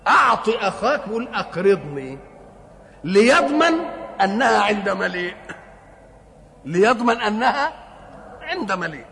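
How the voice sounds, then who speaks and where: Older Egyptian preacher, high and reverberant. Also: male voice, a bit bright. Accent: Egyptian Arabic. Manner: rhetorical questions answered himself, mixing colloquial and classical. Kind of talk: sermon. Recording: hall reverb with faint noise.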